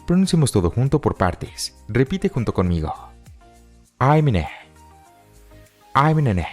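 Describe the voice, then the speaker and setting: A man explaining pronunciation rules as a teacher in patient, step-by-step scripted narration, slowing down to model example phrases. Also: low voice, a little mellow. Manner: models English phrases slowly. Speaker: English teacher.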